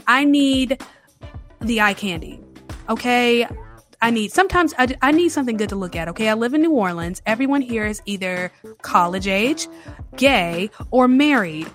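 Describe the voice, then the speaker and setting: A woman's voice: mid-range voice, a bit bright. A woman hosting her own podcast, casually reviewing films in a candid, chatty way and often repeating herself for emphasis. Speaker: podcast host. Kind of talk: casual solo film review. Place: New Orleans.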